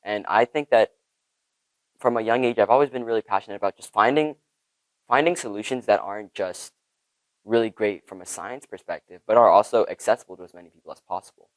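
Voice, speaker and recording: A man's voice: fairly low pitch, brisk, dry recording, low-quality recording. A teenage boy from Ethiopia answering interview questions, eager and thoughtful. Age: teens. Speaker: student inventor.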